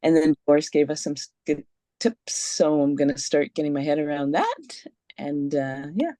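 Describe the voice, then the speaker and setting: A woman on a casual group video call, speaking in a hesitant, halting way. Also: deep voice, animated, dark tone, no room sound. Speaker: community member on call.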